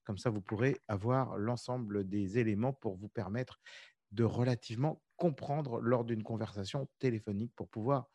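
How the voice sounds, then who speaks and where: A male host guiding a conversation segment, halting and filling pauses as he goes. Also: fairly low pitch, warm tone, dry recording. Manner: halting, filler-heavy, lots of "voilà". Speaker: radio host.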